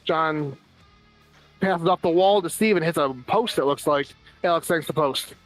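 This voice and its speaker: An American man calls an amateur floor hockey game play by play, rattling off passes and shots with the odd dry joke. His voice sits a little high for a man. Faint music plays underneath. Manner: rapid running call of plays with dry asides. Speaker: play-by-play commentator. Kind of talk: amateur live sports commentary.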